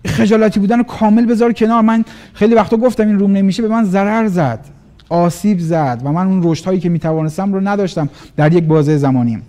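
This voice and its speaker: A man giving an animated motivational business talk, acting out little dialogues in different voices. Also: sits high. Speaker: business trainer.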